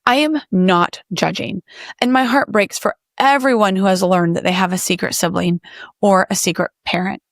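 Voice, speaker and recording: A woman's voice: medium pitch, moderate pace, dry recording, clean studio sound. A woman hosting a podcast, who questions her guest and reads reflective narration in an earnest way. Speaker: podcast host. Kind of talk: interview and scripted narration.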